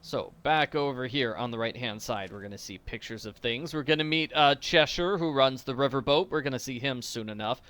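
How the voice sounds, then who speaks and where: A man's voice: mid-range voice, fairly quick, hardly any pauses, fairly bright tone, clean tone. A man hosting a game walkthrough with casual, playful, jokey commentary.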